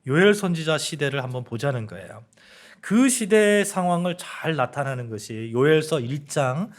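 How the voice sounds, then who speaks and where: A man's voice: on the high side, expressive, moderate pace. A man preaching a sermon as pastor, asking the congregation questions and building to emphatic outbursts.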